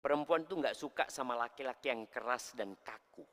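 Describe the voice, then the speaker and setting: A man preaching a sermon to a congregation, speaking lively and acting out the voices he quotes. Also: mid-range voice, fairly quick. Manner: lively, addresses listeners as "antum", acts out quoted voices. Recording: long hall reverb.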